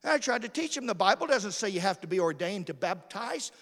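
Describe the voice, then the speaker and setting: A missionary preacher with a high male voice delivers a storytelling sermon in a large church or hall, very animated, brisk and a bit bright. He is emphatic and dramatic, repeating phrases for effect, and the big room adds heavy reverb.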